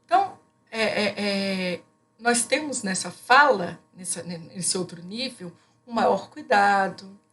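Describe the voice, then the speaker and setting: A woman, giving a recorded class lecture in an explanatory way, often pausing on fillers and restarting her sentences. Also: medium pitch, fairly bright tone, slight background noise. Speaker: teacher.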